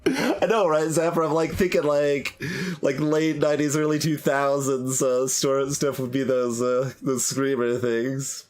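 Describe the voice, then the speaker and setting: This man streams himself playing a visual novel, rambling hesitantly and casually as he thinks out loud with game music behind him. He speaks at a measured pace in a medium-pitched voice with fairly even intonation.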